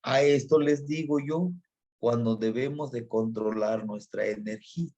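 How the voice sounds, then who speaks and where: A man with a husky, mellow voice gives a spoken lesson and speaks straight to his listeners. He talks slowly and patiently, explaining as he goes. The recording is dull and lo-fi. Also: mid-range voice. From Mexico. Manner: unhurried, explanatory, addresses listeners directly. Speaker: teacher of Nahuatl tradition.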